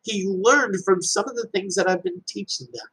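A man's voice: sits high, normal speed, fairly bright tone, breathy edge, low-quality recording. A middle-aged man giving an earnest, emphatic talk, telling a personal story as a parent and repeating key lines for weight. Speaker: speaker addressing a group.

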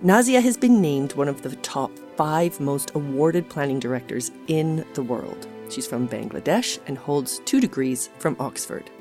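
A woman's voice: deep voice, animated, unhurried, few pauses, a little mellow, faint music behind. A woman hosting a podcast, introducing her guest and chatting with her in an enthusiastic, chatty way. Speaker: podcast host. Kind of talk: scripted introduction and interview chat.

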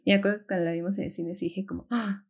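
A young woman with a Mexican Spanish accent, co-hosting a casual podcast chat, animated and laughing often. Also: on the low side, rapid-fire. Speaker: podcast co-host.

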